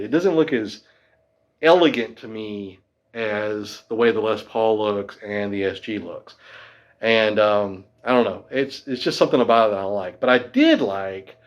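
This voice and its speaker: A man in his fifties who teaches guitar speaks in a fairly low voice, and the audio comes across muffled. He talks casually to camera about guitars, rambling and self-deprecating as he goes.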